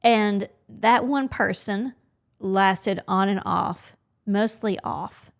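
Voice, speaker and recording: A woman's voice: medium pitch, slow pace, creaky. A woman co-hosting a podcast, talking frankly and thinking aloud in a candid chat. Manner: frank, chatty, thinking aloud with quoted inner thoughts. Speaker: podcast co-host.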